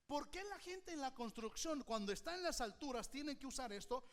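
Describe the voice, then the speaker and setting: A man preaching an animated sermon as pastor, often having the congregation repeat his phrases back to him. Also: very high-pitched, moderate pace. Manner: uses a hook prop and a volunteer as live illustrations.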